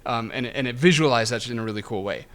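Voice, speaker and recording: A man of middle pitch chats loosely on a gaming podcast. He trips over his words, restarts sentences and swears offhandedly. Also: fast talker, a bit bright. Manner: rambling, restarts often, swears casually. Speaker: podcast co-host. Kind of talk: casual chat.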